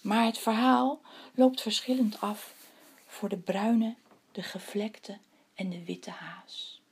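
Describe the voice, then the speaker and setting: A woman's voice: medium pitch, fairly even intonation, takes it slowly, slightly rough. A woman reading a legend aloud and then talking to her listeners, giving them a task. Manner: addresses listeners with tasks. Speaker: storyteller.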